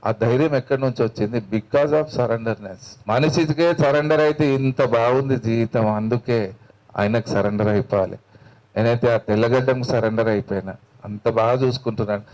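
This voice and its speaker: A man's voice: mid-range voice, a little mellow, poor audio. A man with a Telangana accent, a meditation teacher giving a spiritual talk in a colloquial storytelling manner, acting out the dialogue. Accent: Telangana Telugu.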